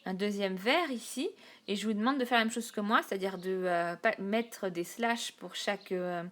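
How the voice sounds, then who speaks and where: A woman teacher talking through a recorded whiteboard lesson, pausing often with fillers and counting syllables out slowly. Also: medium pitch, fairly bright tone. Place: home desk, recorded on a tablet.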